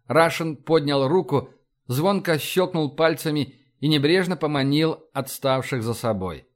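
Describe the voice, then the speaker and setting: A man narrating an audiobook in an even storytelling delivery. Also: a little high, a little slow.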